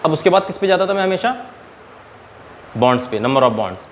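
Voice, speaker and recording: Male chemistry tutor, classroom lecture, slightly raised pitch, quizzing students, quiet background noise. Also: big pitch swings, normal speed. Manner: quizzes students and answers his own questions; calls students "beta". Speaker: chemistry teacher.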